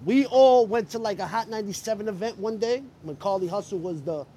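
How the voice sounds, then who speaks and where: A man's voice: high-pitched, a little fast, crowd noise. A man hosting a podcast in casual chat, telling stories in a profane, joking way and laughing often. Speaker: podcast host.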